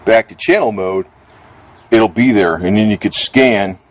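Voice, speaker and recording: This vlogger demonstrating radio gear is a middle-aged or older man whose fairly low voice moves at an unhurried pace. He rambles through the demo in an offhand, plainspoken, colloquial manner, grumbling a little as he goes.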